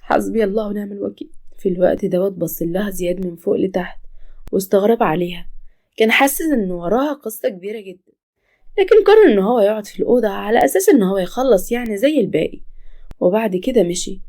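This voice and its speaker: Woman storyteller, brisk narration, quick pace, mid pitch. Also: lively intonation, mellow.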